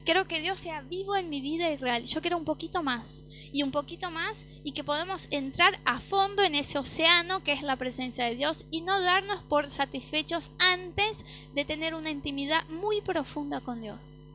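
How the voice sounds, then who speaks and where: A woman's voice: sits high, moderate pace, few pauses, sharp tone. A young woman with an Argentine Rioplatense accent, preaching a sermon as an earnest personal testimony. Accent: Rioplatense Spanish. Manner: earnest, storytelling with acted-out quotes.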